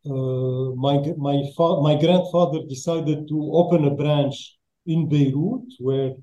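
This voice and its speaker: A man with a Lebanese accent telling stories as an interview guest, halting as he searches for English words. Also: on the high side, dark tone. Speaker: interview guest, roofing business owner. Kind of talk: conversational storytelling in an interview. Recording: echoey room sound.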